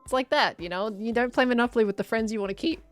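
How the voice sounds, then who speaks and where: A woman's voice: on the high side, fast, soft background music. A woman streaming a game, chatting casually in a playful, teasing way. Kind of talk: casual chat while gaming.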